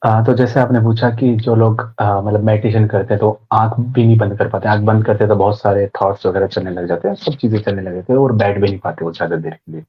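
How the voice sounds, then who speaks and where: A man's voice: fairly low pitch, steady tone, a little fast, hardly any pauses, husky, lo-fi sound. A man, a podcast guest, explaining meditation in a conversational way, acting out inner voices and using everyday examples.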